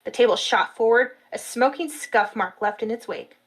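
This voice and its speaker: A woman narrating a fantasy story in a steady storytelling manner at a live reading. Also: on the high side, normal speed, husky, low-quality recording.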